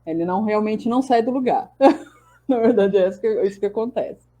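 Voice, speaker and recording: A woman's voice: medium pitch, fairly quick, warm tone. A woman historian in her forties from Brazil, answering interview questions in a chatty way, often restarting her sentences. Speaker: historian guest.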